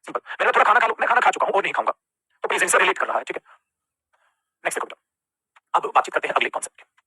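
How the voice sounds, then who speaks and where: Indian guy teaching english grammar super fast, high husky voice, keeps calling kids beta. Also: very animated, pushed and bright, dry recording. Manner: calls students "beta" and asks them questions he answers himself; mixes Hindi with English terms. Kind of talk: classroom grammar lesson.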